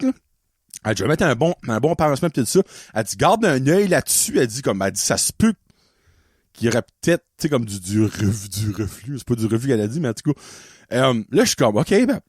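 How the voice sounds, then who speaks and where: Acadian french guy on his podcast, goes way up and down, high voice, laughs a lot, mixes in english. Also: husky, no room sound, studio quality. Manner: animated, laughs often, mixes in English words. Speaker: podcast host. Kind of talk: casual storytelling monologue.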